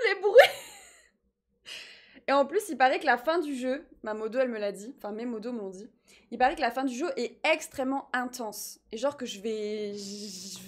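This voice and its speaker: A woman streaming live, chatting excitedly with her viewers while fixing her setup. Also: a little high. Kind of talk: live gaming stream chat.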